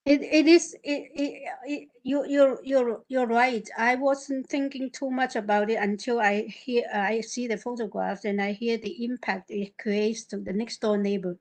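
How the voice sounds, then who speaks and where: A woman on a planning committee giving halting remarks, often repeating words. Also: fairly high pitch, fairly even intonation, a little mellow, low-quality recording. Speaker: committee member. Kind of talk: formal hearing remarks.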